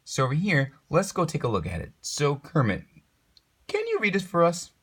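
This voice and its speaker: A man teaching a homework help lesson, patiently walking viewers through a math problem and encouraging them to pause and work along. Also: a little high, wildly swooping pitch, a bit bright, breathy edge.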